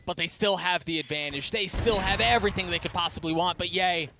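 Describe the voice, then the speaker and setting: A man casting esports live, doing excitable play-by-play with dramatic phrasing. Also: high voice, a little fast, background noise. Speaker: esports caster.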